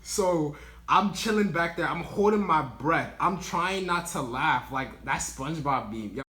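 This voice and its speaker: A man's voice: on the high side, lively intonation, unhurried, heavy background noise. A young man casually telling a funny work story, full of "like" and "yo", breaking into laughs as he goes. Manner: laid-back slangy talk, lots of "like" and "yo", laughing as he tells it. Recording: roomy echo.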